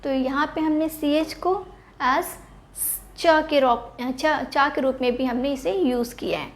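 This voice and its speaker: High-voiced woman teaching spelling. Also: slow. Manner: explains step by step, poses questions then answers them; mixes English words into Hindi teaching. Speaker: English teacher. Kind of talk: spelling and pronunciation lesson.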